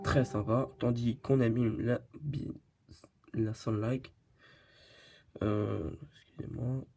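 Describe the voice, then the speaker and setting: Faint music plays behind a slow, creaky, mellow voice of medium pitch, slightly rough and fairly even in intonation. He's a tech review host doing a casual product review, hesitant and restarting often, with many fillers and giggly self-mockery.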